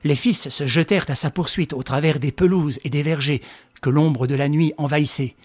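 A man's voice: on the high side, dry recording. Dry-voiced male audiobook narrator. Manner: measured, even storytelling. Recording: dry close recording with faint music.

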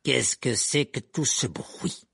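A man's voice: fairly high pitch, expressive, slow pace, fairly bright tone. Rogue, a man reading as a silky menacing teacher. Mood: icy. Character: cold menacing male wizard teacher.

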